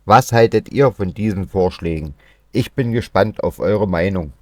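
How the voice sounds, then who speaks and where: A man's voice: low-pitched, moderate pace, no room sound. A man introducing a video to his viewers in a hyped, scripted way. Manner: hyped, addressing viewers directly. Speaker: video channel presenter.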